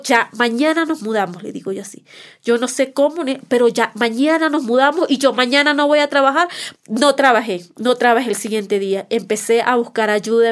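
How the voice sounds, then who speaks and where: A woman with a high voice recounts her own hard years as a mother in a testimony podcast. She speaks heartfelt and earnest, repeating words for emphasis and slipping into the voices of the people she talked to. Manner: acts out past conversations. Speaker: mother telling her life story.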